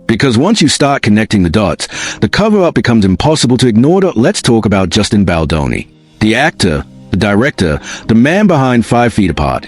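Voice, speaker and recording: A man narrates a scripted commentary in a fairly low voice. His pitch rises and falls through clipped, suspense-building phrases aimed straight at the viewer. Soft music sits quietly beneath him.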